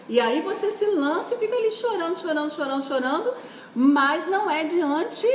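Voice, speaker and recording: Woman apostle, high voice, fervent repetitive sermon, off-mic in a reverberant hall. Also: distant mic, a little hiss or hum. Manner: fervent, repetitive, with drawn-out emphasis. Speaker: apostle and preacher. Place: church livestream. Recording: echoey hall, voice away from mic.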